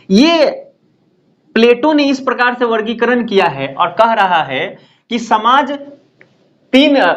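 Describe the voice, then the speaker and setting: A man's voice: sits high, a bit bright, muffled recording. A man teaching an exam-prep lecture. He explains step by step, repeats key terms and keeps checking in with "है ना?".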